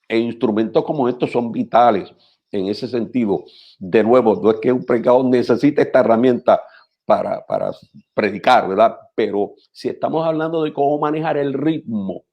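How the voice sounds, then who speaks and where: A man, a pastor teaching preachers in a measured, instructive radio talk who repeats phrases for emphasis. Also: mid-range voice, muffled recording.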